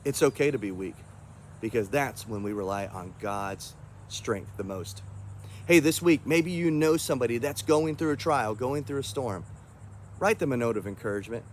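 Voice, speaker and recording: A man's voice: mid-range voice, expressive, normal speed, slight background noise. A man giving a short, earnest devotional talk as a pastor, reading scripture aloud and encouraging listeners.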